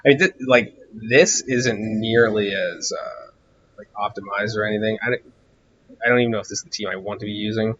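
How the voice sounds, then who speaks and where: Hoarse, rambling low-voiced male streamer. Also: steady tone, fairly quick, a bit bright, lo-fi sound. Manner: rambling, distracted, musing aloud. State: hoarse, losing his voice. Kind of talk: casual gameplay commentary.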